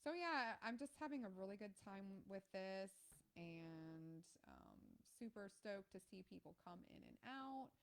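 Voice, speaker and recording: A woman from Ohio hosting a live stream, chatting casually about football and reacting to plays with lots of ums and excited outbursts. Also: mid-range voice, measured pace, hardly any pauses. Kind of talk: casual live game commentary.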